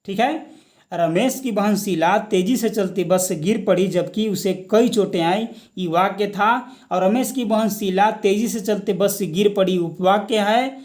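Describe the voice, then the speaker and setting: A man with a high voice gives an exam-prep grammar lecture, voiced over slides. He explains slowly and patiently. He poses questions and answers them himself, dropping English words into his Hindi. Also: darkish tone.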